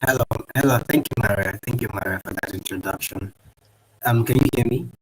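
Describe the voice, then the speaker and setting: Trainer on a video call: a polite man who opens the workshop, mid-pitched and a bit distant-sounding. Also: fairly quick, husky. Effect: heard over a video call. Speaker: workshop trainer, blockchain developer. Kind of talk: opening a live online workshop.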